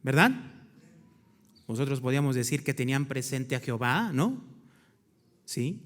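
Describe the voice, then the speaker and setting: A male pastor with a mid-range, slightly bright voice and lively intonation preaches at a normal speed. Between explanations he reads scripture aloud and asks his congregation questions he then answers himself. The church setting adds hall reverb.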